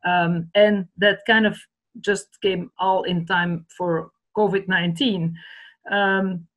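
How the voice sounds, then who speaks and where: A woman's voice: fairly low pitch, flat delivery, slow, a bit bright, low-quality recording. A woman in her fifties from Belgium with a Flemish Dutch accent, a native Dutch speaker, talking earnestly on a video call from a home study. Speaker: charity director. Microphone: laptop webcam video call.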